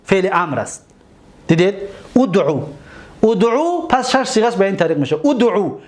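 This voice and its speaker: A man with a Tajik-accented Persian voice teaching an Arabic grammar lesson, reciting verb forms slowly and often checking that listeners follow. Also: sits high, big pitch swings. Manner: drills verb forms slowly, stretching each word.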